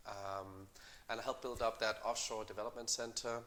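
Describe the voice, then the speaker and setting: A middle-aged man, a company co-founder, answering interview questions in a measured way with many fillers and restarts. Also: on the low side, little pitch movement, fairly bright tone. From Denmark.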